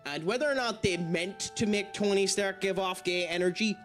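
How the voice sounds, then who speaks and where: A man's voice: high-pitched, moderate pace, a bit bright, soft background music. A man giving live commentary as a gaming streamer, swearing casually and often.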